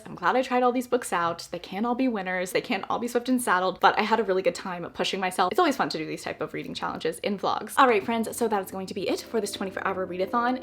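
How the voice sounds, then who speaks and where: A woman vlogger chatting casually about books, gushing and animated, describing herself as shy and reserved. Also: mid-range voice. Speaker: book vlogger. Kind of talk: casual reading vlog chat.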